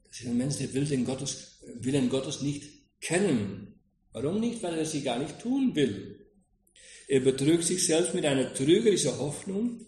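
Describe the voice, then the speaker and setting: A man preaching a sermon on scripture, asking questions and speaking straight to his listeners. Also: mid-range voice. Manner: lively, questioning, addresses listeners directly. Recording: echoey room with faint noise.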